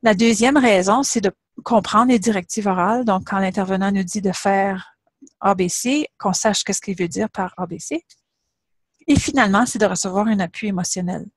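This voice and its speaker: Recorded dry, this middle-aged professor speaks in a mid-range voice during a university webinar presentation. Measured and explanatory, she works through her points in sequence.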